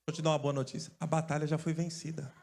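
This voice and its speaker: Lively joking Brazilian preacher, high voice. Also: male voice, fast, creaky. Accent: Brazilian Portuguese. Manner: lively, joking storyteller who calls out to the congregation. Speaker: pastor. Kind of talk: sermon. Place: church stage.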